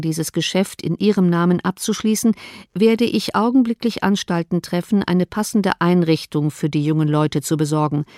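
A woman narrating an audiobook of a classic novel in a steady, clear reading voice. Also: lowish voice, no echo, clean studio sound.

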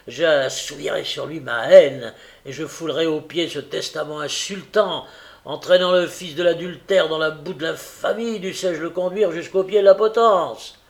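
A man's voice: on the high side, natural voice. A man doing a bitter, vengeful schemer. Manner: intense, vengeful, rising fervor.

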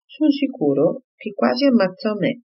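Reader putting on a fussy old dad, frets over everything, a bit higher, kinda muffled audio. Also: male voice, sing-song, moderate pace, gravelly, breathy edge, full character voice. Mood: fretful. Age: older. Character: fussy anxious elderly father, fretful and doting. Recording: slightly muffled recording.

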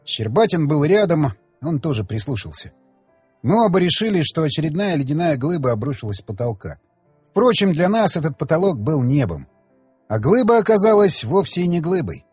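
A man narrates an audiobook in the first person, telling the story with expressive emphasis. His voice is somewhat high and husky with a very lively melody. The sound is dry and close, with faint music underneath. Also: brisk, no echo.

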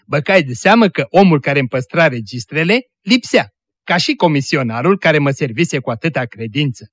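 A man's voice: on the high side, a bit bright, dry recording. Earnest man reading a moral story. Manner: earnest, deliberate, dramatic emphasis. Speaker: narrator.

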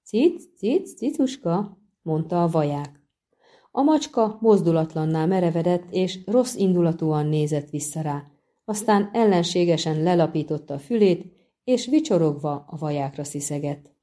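A woman reading a fantasy novel aloud as an audiobook narrator, in a steady, measured storytelling manner. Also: low-pitched. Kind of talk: scripted narration.

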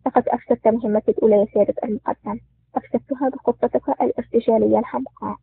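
A man's voice: very high-pitched, fairly even intonation, racing, vocal fry, breathy edge, no room sound, exaggerated voice. A man voicing an angry, stubborn young female lieutenant in a spoken story, insistent and indignant. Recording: tinny phone-like sound.

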